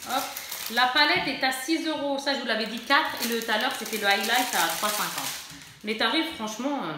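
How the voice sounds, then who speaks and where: A woman's voice: a little high, bright, forceful tone, a little hiss or hum. A woman vlogging a casual shopping haul, chatty and self-mocking, often searching for her words. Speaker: beauty vlogger. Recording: very echoey room.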